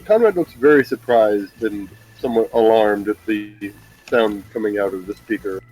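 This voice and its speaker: A man playing a tabletop game, describing his character in a relaxed, chuckling way. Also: lowish voice, normal speed, breathy edge, poor audio. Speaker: player.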